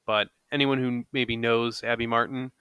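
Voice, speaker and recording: A man's voice: mid-range voice, flat delivery, moderate pace, a bit bright, smooth, no room sound, dull audio. A man chatting on a podcast, talkative and full of fillers. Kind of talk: casual podcast conversation.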